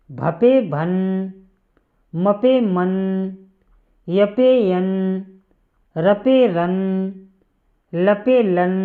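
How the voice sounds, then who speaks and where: Female teacher, very slow rhythmic syllable drill, tinny phone-line audio. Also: mid-range voice. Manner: slow, measured sing-song drilling of syllables. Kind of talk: slow recited Hindi alphabet lesson. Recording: phone-like lo-fi sound.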